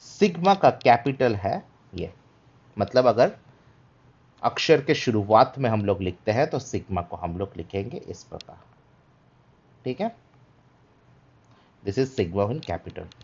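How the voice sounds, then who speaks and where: A man leads a livestreamed Greek lesson, moving slowly and patiently and drawing out the key words as he explains. His voice sits fairly low. The stream audio is dull and lo-fi. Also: animated, vocal fry, darkish tone, slightly rough. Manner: patient, repeats "ठीक है" to check understanding; mixes Hindi with English phrases. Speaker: Greek teacher.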